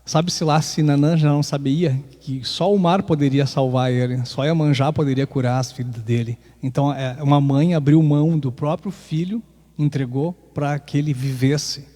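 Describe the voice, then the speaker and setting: A man's voice: a little high, steady tone, normal speed, mellow, long reverb tail. A man with a Brazilian Portuguese accent hosting a podcast, talking casually and reflectively, often restarting his sentences. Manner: hesitant, many restarts, reflective. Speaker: podcast host. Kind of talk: casual talk on Afro-Brazilian myths, with sung chant.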